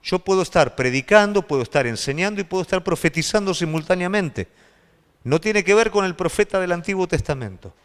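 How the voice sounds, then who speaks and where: A man with a Rioplatense Spanish accent, a pastor preaching a sermon with animated delivery and frequent rhetorical questions. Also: high-pitched, a little fast, smooth, long reverb tail.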